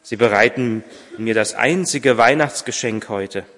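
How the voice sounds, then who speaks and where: A man reading aloud as a poor, grateful old street sweeper, soft and wondering, in a reverberant church. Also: medium pitch, unhurried. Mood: humble.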